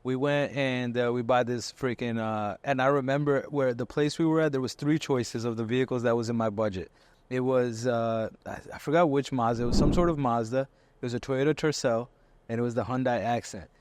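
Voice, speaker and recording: A man's voice: medium pitch, brisk, no room sound. A young man co-hosting a car podcast, talking casually and emphatically, full of slang. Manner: animated, emphatic, slangy with "bro". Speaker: podcast co-host. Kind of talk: casual chat.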